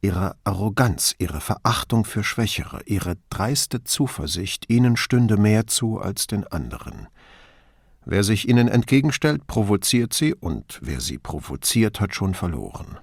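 A male narrator reads a crime novel aloud in a measured, expressive way. His pitch rises and falls freely. The recording is dry and close, with no room sound. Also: creaky, slightly rough, no room sound. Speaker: audiobook narrator. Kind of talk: scripted narration.

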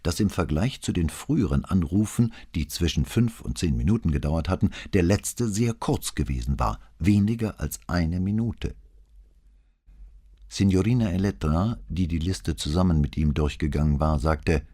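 A man reading a crime novel as an audiobook, calm and measured, acting out the dialogue. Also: low voice, slightly rough. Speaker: audiobook narrator. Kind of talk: scripted narration of a crime novel.

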